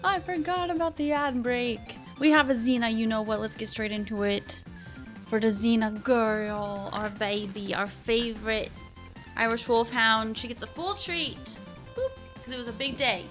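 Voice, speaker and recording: A woman's voice: fairly high pitch, moderate pace, fairly bright tone. A woman hosting a casual livestream, greeting viewers with playful, bubbly gamer-girl chattiness. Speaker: live streamer host. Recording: music behind the voice. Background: background music.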